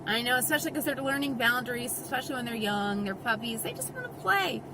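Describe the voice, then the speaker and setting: A woman vlogger, part of her face numb, talks out of the side of her mouth in a casual, exasperated, emphatic rant to camera and acts out the voices she quotes. Her high-ish voice has lively intonation and a fast pace, against a noisy background.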